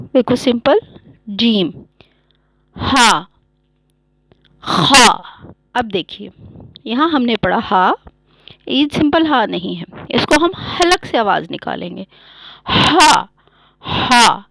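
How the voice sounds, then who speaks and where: A woman's voice: a little high, no room sound, rough recording. A woman teaching Quran reading, patiently sounding out letters one by one and repeating them. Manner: slow and clear, repeats each letter sound. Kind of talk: patient step-by-step lesson.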